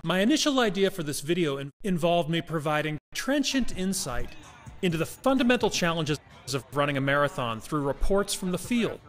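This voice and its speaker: A man's voice: a little high, big pitch swings, a little fast. Man narrating with dry irony, reverberant. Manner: dry, ironic lecturing. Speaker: host. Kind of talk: scripted narration.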